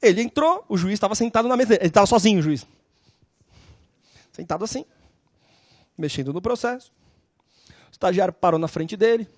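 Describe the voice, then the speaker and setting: A woman lecturing on law, telling lively stories and constantly checking in with her class. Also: mid-range voice, a little fast, long pauses, no room sound, studio quality. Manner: animated, acts out scenes.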